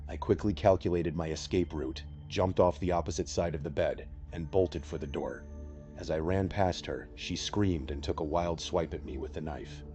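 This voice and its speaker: A man giving a steady, measured first-person telling of a scripted horror story. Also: low voice. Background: faint music.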